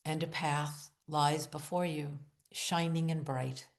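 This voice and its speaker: A woman leads a meditation in a low, steady, creaky voice, moving at a very slow pace. Her short, deliberate phrases come with long pauses between them, and her hushed, soothing delivery has an incantatory repetition in this guided visualization.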